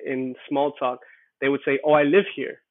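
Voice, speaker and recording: A podcast guest from Queens, New York City, chats casually and rambles, with many repeated false starts. His medium-pitched voice is level and at normal speed. The recording is dry, with a tinny, phone-like line and no room sound.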